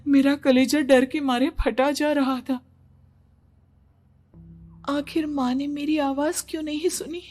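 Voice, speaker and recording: A woman narrating a first-person horror story for a cartoon in a hushed, suspenseful manner. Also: high-pitched.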